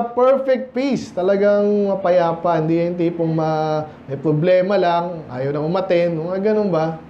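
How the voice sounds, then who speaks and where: A man's voice: fairly high pitch, dark tone, roomy sound, highs cut off, a little hiss or hum. A Filipino man preaching at a midweek Bible study, talking conversationally and often asking the congregation questions. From Philippines. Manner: conversational, asks the congregation questions, mixes English and Tagalog. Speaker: pastor. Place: church hall.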